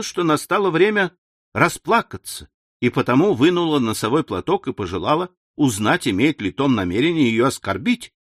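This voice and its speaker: A man narrating a classic novel as an audiobook, in an unhurried storytelling manner with confiding asides. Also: a little high, a bit bright, dry recording, studio quality. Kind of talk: scripted literary narration.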